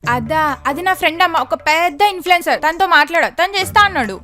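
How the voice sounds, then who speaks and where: A bossy young director who rattles off orders. Her voice is very high and bright, and she talks quickly. Faint music sits behind her. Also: expressive, full character voice. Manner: brisk, giving orders. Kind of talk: comic short film acting.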